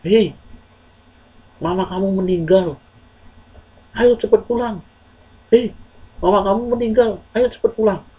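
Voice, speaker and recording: A man's voice: high-pitched, a little slow, long pauses, mellow, slightly rough, voice pushed up, rough recording. A man voicing an adult messenger calling urgently with bad news.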